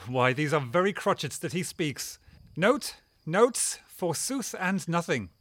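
A man's voice: fairly high pitch, very animated, unhurried, fairly bright tone, dry recording, heavily acted. An actor playing a genial prince who teases his singer and plots with his friends in courtly speech. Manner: courtly, playful, teasing. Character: genial, commanding male prince. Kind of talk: stage play performance.

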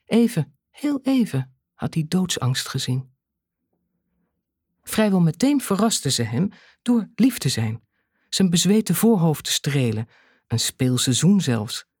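An audiobook narrator reading a thriller in a measured way, with dramatic pauses. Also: medium pitch, sing-song, darkish tone, breathy edge, no echo, studio quality.

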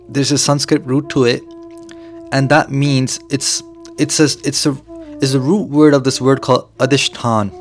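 Man teaching scripture over music. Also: medium pitch. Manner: switches between English and Punjabi, explanatory, repeating key phrases. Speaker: Sikh preacher teaching scripture. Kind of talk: religious discourse, explaining scripture.

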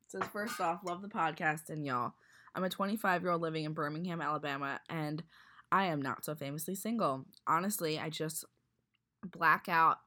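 A woman's voice: sits low, moderate pace, bright, forceful tone. A woman co-hosting a casual podcast and reading listener emails aloud, her voice stuffed up from allergies. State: congested from allergies. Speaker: podcast co-host.

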